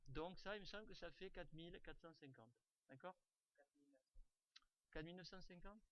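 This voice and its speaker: A man's voice: sits high, moderate pace, a bit bright, dry recording. A man teaching an online class, talking informally with lots of fillers and restarts over a computer mic. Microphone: computer mic on a video call.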